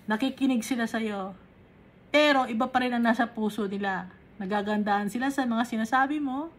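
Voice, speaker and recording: A woman's voice: on the high side, a little fast, rough recording. A woman teaching a Bible study sermon, reading verses in English and explaining them in mixed Tagalog and English, emphatic and rising sharply on key contrasts.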